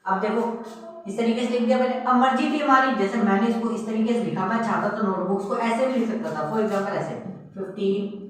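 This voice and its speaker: A man's voice: high-pitched, brisk, distant mic. A man teaching maths, explaining step by step and asking his students questions that he then answers himself. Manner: asks the class questions and answers them himself, repeats "okay" and "simple thing". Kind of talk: explaining a whiteboard lesson. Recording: very echoey room, voice from off the mic.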